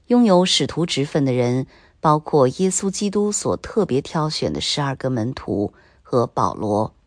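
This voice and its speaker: A woman reading a scripted Bible commentary in a slow, measured, even way. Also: deep voice, dry recording, clean studio sound.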